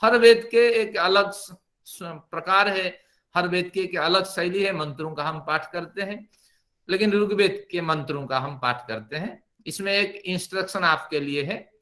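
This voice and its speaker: A man's voice: high voice, measured pace, bright, forceful tone. A middle-aged man teaching Sanskrit pronunciation for Vedic chanting, explaining step by step and demonstrating long vowels. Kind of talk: spoken Sanskrit pronunciation lesson.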